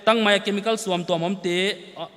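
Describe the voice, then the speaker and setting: Man, high-pitched, explanatory festival talk in a big reverberant hall. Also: fairly even intonation, normal speed, a bit bright. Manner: explanatory, lists nutrients and terms. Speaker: festival speaker. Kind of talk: informational talk. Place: large hall.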